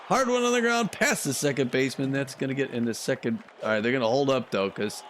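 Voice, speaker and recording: A man's voice: mid-range voice, fast, fairly bright tone, slight background noise. A man calling a simulated baseball game play by play, chatty and cheering on his team. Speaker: commentator.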